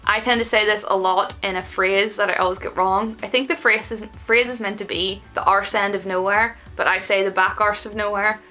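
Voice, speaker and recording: Woman, Northern Irish accent, bright crisp-edged tone, mid pitch, casual chatty explainer, light background music. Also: fairly even intonation, brisk, few pauses. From Northern Ireland. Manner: informal, acts out short example exchanges. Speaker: host of an online video channel.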